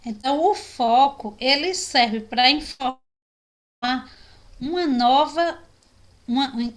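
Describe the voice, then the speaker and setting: A woman's voice: high voice, a bit bright. A woman from teaching an online sign language class over a video call, explaining patiently and often ending phrases with a questioning tag. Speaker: sign language course instructor.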